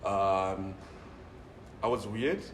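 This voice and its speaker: A man in his twenties with a South African accent, talking about himself in a relaxed way with lots of fillers. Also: low-pitched, very slow. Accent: South African English. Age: 20s. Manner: relaxed, many fillers like you know. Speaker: interview guest. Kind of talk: casual interview. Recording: distant mic, noisy room.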